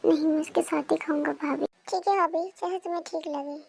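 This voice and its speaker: A caring but bossy sister-in-law who runs the house with firm, motherly orders, as a woman reader puts her on. The voice is very high and gravelly, in a storybook reading. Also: steady tone, a little fast, darkish tone, rough recording. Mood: gentle.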